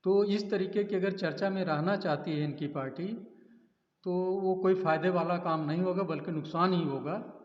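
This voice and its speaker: Worked-up analyst guy, slightly high voice, echoey dull room. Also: fairly even intonation, moderate pace. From Uttar Pradesh, India. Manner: indignant, emphatic, with hesitant restarts. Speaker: political analyst. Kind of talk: news interview answers. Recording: echoey, roomy, dull lo-fi sound.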